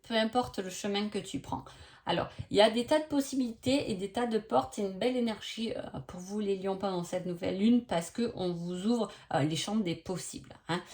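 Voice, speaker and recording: A woman's voice: mid-range voice, a little mellow. A woman giving a casual oracle card reading sign by sign, chatty, with many hesitations and tag questions.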